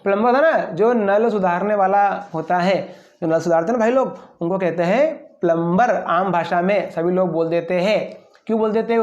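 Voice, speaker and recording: A male English teacher with a high-pitched, slightly mellow voice gives a class lesson, posing each question and answering it himself with playful asides between the words. The recording is dull and lo-fi.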